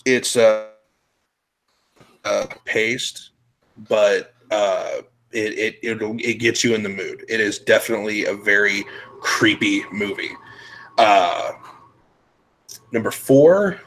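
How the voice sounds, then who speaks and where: Low-voiced casual male host. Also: slow, pauses often, fairly bright tone, low-quality recording. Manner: blunt, loose and profane, laughs easily. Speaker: podcast host. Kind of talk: casual chat.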